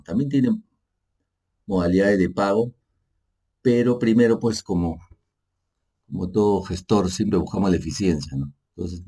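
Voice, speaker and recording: Narrating his screen in an unscripted software tutorial, an energy manager with Spanish as his first language speaks in a low, deep, dark and mellow voice with a breathy edge. The delivery is casual, explanatory and unhurried, with self-corrections, frequent "pues," and tag questions like "¿no?"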